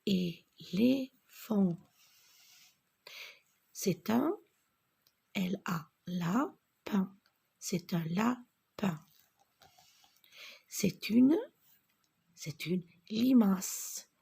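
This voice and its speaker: A woman teaching children to read, slowly spelling out letters and syllables and repeating each word, often half-whispering. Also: medium pitch, lively intonation, creaky, warm tone, husky. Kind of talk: reading lesson for young children.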